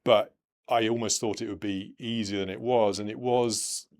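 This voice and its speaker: A middle-aged man, hosting a casual podcast chat in a thoughtful, measured way that trails off softly at the ends of phrases. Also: lowish voice, steady tone. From United Kingdom. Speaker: podcast host.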